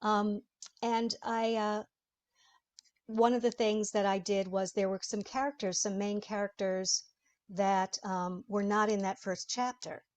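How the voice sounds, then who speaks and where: A woman's voice: medium pitch, steady tone, a little slow. A woman voice actor talking through her work in an interview, chatty and explanatory, laughing easily. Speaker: voice actor guest. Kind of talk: interview conversation.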